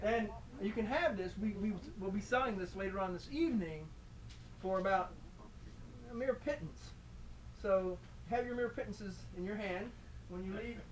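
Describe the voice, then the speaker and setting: Folksy traveling salesman, male performer, comic mock-sincere patter, halting delivery, distant and slightly noisy live recording. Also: high-pitched, natural voice. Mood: wry selling. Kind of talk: live comic sponsor pitch. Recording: distant mic, light background noise.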